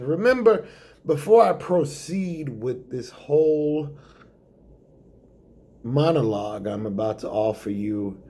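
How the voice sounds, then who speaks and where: A man doing a stand-up comedy monologue in a theatrical way, drawing words out for effect and dropping to hushed asides. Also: medium pitch.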